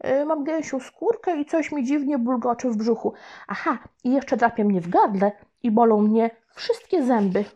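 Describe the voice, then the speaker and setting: A woman's voice: fairly high pitch, moderate pace, pitched above the performer's own voice, lightly acted. A woman voicing a mischievous young boy who tells exaggerated fibs, in a storybook reading. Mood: fibbing, playful. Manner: lively, exaggerated fibbing. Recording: dull lo-fi recording.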